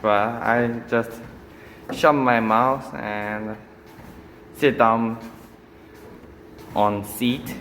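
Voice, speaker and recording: A Korean man from Busan with a Korean accent tells a casual vlog story in hesitant English, pausing often, while exercising on a treadmill. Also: mid-range voice, steady tone, a bit bright. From Busan, South Korea. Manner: halting, hesitant English with long pauses. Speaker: vlogger. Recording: long echoey reverb with background noise.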